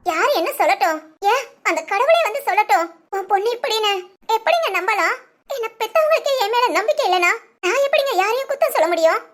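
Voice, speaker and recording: A woman voicing a young woman hurt by her parents, who talks fast, earnestly and with strong feeling. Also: extremely high pitch, very animated. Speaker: storyteller. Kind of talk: acted short story.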